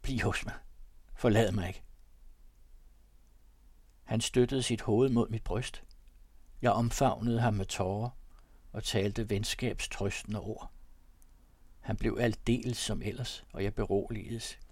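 A man narrating classic fiction in a measured, even storytelling manner. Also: fairly low pitch, no echo. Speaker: audiobook narrator.

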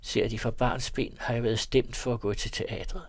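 A man's voice: mid-range voice, steady tone, dry recording, natural voice. A man voicing a young, sorrowful woman in a read-aloud novel, speaking earnestly and hesitantly. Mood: confiding.

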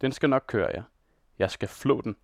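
A man voicing a drunken, brutal young peasant who bellows loudly at his companions. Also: mid-range voice, gravelly, dry recording, studio quality. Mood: bellowing, brutal. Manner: loud shouting bluster.

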